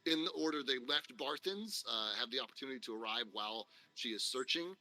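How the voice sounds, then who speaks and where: Bright-voiced man running a tabletop game. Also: medium pitch, animated, a little fast, no room sound. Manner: rambling, filler-heavy narration. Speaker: dungeon master.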